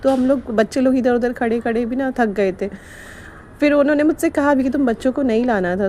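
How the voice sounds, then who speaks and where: A woman's voice: medium pitch, mellow, slight background noise. A woman, narrating a family vlog in a chatty, rambling way and laughing often. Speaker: vlogger.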